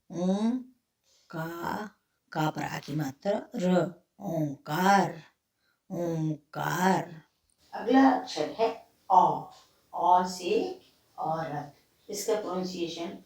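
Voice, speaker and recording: A woman's voice: on the low side, dark tone, far from the mic. A woman teaching spelling, breaking each word into letters and repeating it. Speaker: Hindi teacher. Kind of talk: slow spelling lesson.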